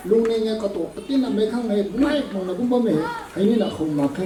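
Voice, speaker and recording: A man preaching a sermon at a prayer meeting, measured and slow, with English words slipped in. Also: sits high, crowd noise. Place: prayer gathering hall. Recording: echoey hall, voice from a distance.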